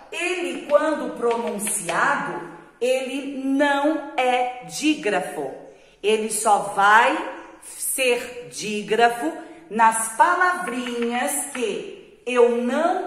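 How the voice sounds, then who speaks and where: A Brazilian Portuguese-speaking woman teaching a video lesson to young children, explaining slowly and repeating example words. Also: a little high, animated, fairly bright tone, a little hiss or hum. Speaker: primary school teacher. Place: classroom at a whiteboard. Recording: echoey room with long reverb.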